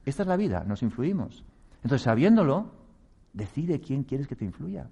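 A man gives a reflective, motivational talk on meditation. His voice is warm and mellow at a medium pitch. He speaks earnestly, chuckles at his own mistakes and slips into acted quotes. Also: big pitch swings, normal speed, vocal fry, breathy edge.

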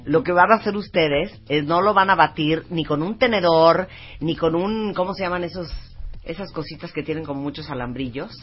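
A woman co-hosting a casual chat, joking and quick to react. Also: deep voice, breathy edge, dull audio, soft background music. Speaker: co-host.

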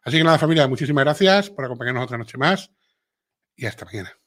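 Fast-talking and lively, a middle-aged man from Seville hosts a casual live chat in a medium-pitched, fairly bright voice with a Sevillian Andalusian accent. He's chatty, reads viewer comments out loud, and uses filler tags a lot.

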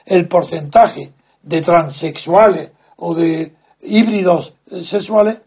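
A man, speaking as a guest in a slow, deliberate, lecturing way, leaning hard on key words. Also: high voice, darkish tone, husky. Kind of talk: measured explanatory talk.

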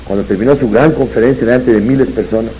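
A man delivers a rabbi's Torah lesson full of anecdotes. His voice is warm and dark, and it rises and gets louder when he drives a point home. A faint hiss sits under the recording. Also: medium pitch, fast talker, rough recording. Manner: storytelling, rising and louder on emphatic points. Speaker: rabbi giving a Torah talk. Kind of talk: religious lecture with anecdotes.

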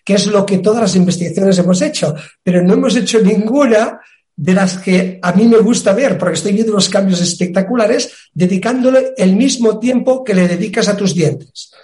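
A man with a high, darkish voice speaks at normal speed as a fitness expert guest in an interview, explaining a fitness method. He's emphatic and acts out little dialogues, and the recording has a roomy echo.

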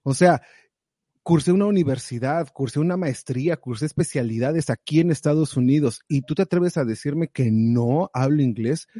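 A man giving lively, direct, motivational advice in a casual conversation. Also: a little high, normal speed, no echo, clean studio sound. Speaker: guest sharing advice.

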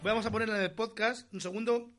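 High bright-voiced male podcast host. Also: fairly even intonation, fast, faint music behind. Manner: laughing and easily flustered. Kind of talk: casual comedy chat.

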